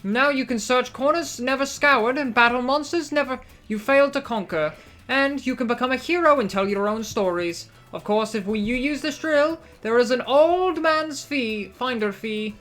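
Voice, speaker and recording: A woman voicing a greedy, condescending old male architect in a game, with a pompous, drawn-out manner. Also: high-pitched, fairly bright tone, faint music behind, voice pushed up. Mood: smug, greedy.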